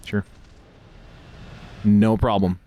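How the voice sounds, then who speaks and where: A man hosting a stream, commenting on his game in an excitable, joking way. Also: on the low side, drawn-out words, slight background noise. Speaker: host playing a game on stream. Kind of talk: casual chat.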